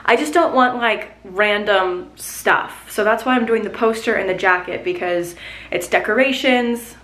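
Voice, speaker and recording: A woman's voice: mid-range voice, unhurried, a bit bright. Chatty young woman vlogging at home. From Virginia, US. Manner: chatty, rambling, lots of "like". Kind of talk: casual chatty vlog. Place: small bedroom at home, indoors. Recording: roomy, slightly distant home recording.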